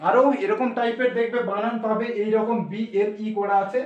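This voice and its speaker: A man's voice: high voice, little pitch movement, normal speed, highs cut off. A man teaching English pronunciation, explaining step by step and asking his students questions. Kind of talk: explanatory classroom lesson. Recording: echoey room, voice from far off.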